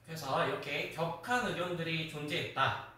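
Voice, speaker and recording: Male teacher, animated and bright, quizzing students by name. Recorded from far off in a booming classroom. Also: moderate pace, heavy reverb. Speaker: high school English teacher. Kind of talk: classroom lecture.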